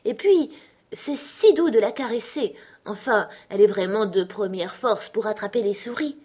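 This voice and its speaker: A woman's voice: mid-range voice, animated, moderate pace, darkish tone, slightly rough. A woman voicing a curious, polite little girl who talks eagerly to please.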